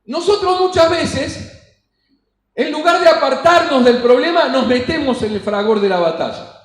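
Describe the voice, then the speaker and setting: A man's voice: very high-pitched, lively intonation, moderate pace, roomy sound, low-quality recording. A man with an Argentine Spanish accent preaching a sermon in a church, emphatic and acting out the voices he quotes. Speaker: pastor.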